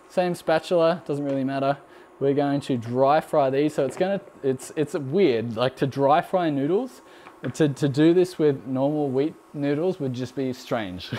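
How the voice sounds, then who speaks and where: This cooking channel host, a young man with a mild Australian accent, chats loosely on a live stream while answering viewer questions, relaxed and rambling, laughing often and saying um a lot. His voice sits at medium pitch, with a little hiss or hum in the audio.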